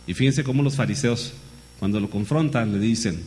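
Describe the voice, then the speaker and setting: A man's voice: medium pitch, a little fast, slight background noise. A man preaching a sermon, calling his listeners brother and asking them rhetorical questions. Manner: lively, calls listeners "hermano", many rhetorical questions.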